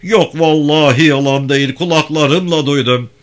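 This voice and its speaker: A man's voice: fairly high pitch, normal speed, pitched above the performer's own voice, lightly acted. A man voicing a fawning village imam who stammers and insists. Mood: nervous.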